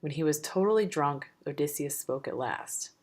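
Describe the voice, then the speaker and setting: A woman reads a storybook aloud in a low voice. Her delivery is steady and measured.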